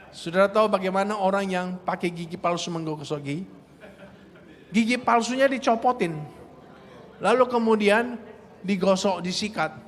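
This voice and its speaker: A male pastor telling a story in a sermon, animated, swinging between soft asides and loud exclamations. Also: sits high. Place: church hall. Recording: long hall reverb, faint ambience.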